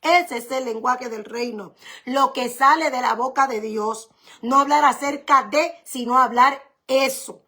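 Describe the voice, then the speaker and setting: A woman's voice: sits high, a little slow, sharp tone. A woman pastor preaching a sermon, repeating key phrases and asking rhetorical questions.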